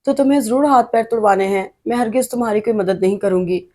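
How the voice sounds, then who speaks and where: A woman's voice: a little high, fast talker, dark tone, close to an everyday voice. A woman narrator voicing a reserved, guarded young woman doctor who answers briefly and with restraint. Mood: restrained.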